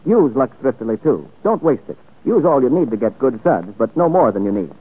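Lively 1940s radio announcer man. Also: mid-range voice, slightly rough. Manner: formal, measured announcer delivery. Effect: old radio broadcast sound. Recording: tinny old radio broadcast, faint music.

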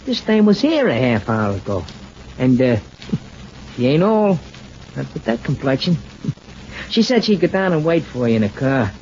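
An actor playing a cheeky, grumbling young sidekick to a detective in an old-time radio drama. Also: male voice, mid-range voice, sing-song, measured pace, pauses often, a little mellow. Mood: teasing, eager. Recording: dull, noisy old radio recording.

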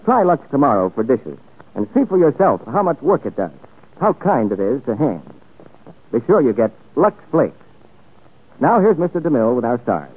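Lively 1940s radio announcer man. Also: medium pitch, slightly rough. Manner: formal, measured announcer delivery. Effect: old radio broadcast sound. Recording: tinny old radio broadcast, faint music.

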